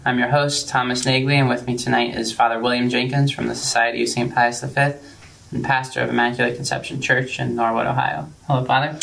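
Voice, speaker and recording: A man's voice: medium pitch, little pitch movement, fairly quick, gravelly, a bit bright, poor audio. A man hosting a religious interview show, introducing his guest and reading out viewer emails.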